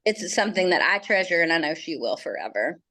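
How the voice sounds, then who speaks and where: Low-voiced earnest woman guest. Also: sing-song, brisk, pushed and bright. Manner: earnest, reflective, many "you know" fillers. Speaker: podcast guest. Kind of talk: casual heartfelt chat.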